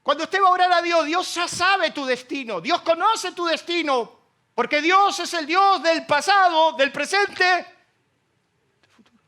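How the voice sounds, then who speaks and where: A middle-aged man with an Argentine accent preaching a sermon, joking between loud preaching and quiet asides. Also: very high-pitched, measured pace. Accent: Argentine Spanish. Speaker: pastor.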